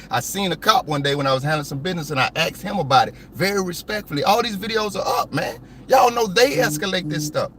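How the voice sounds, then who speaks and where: A man's voice: sits high, a bit bright, a little hiss or hum. A man hosting a live stream, ranting hotly and with plenty of profanity. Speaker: copwatch channel host.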